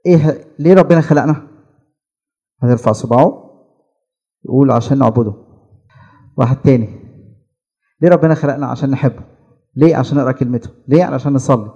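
A man's voice: mid-range voice, mellow, slightly rough. A man with an Egyptian Arabic accent preaching a sermon, asking the listeners questions and answering them with rising emphasis.

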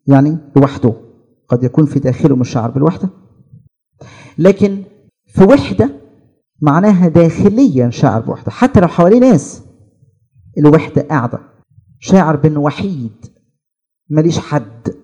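A man's voice: a little high, big pitch swings, brisk, long pauses, dark tone, slightly rough. A man with an Egyptian Arabic accent preaching a sermon, asking the listeners questions and answering them with rising emphasis.

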